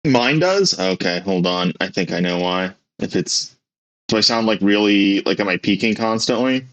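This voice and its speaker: A man's voice: fairly low pitch, lively intonation, normal speed, fairly bright tone, dry recording. Man on a tinny earbud mic. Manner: distracted, fiddling with his setup. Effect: tinny sound from a built-in earbud mic. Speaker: podcast co-host. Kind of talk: casual livestream chat.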